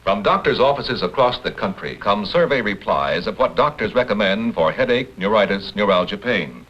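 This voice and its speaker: Husky man reading a vintage TV ad. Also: animated, moderate pace, a bit bright. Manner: emphatic, repetitive sales pitch. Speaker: commercial announcer. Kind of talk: scripted 1960s TV ad narration. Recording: muffled, husky vintage broadcast audio.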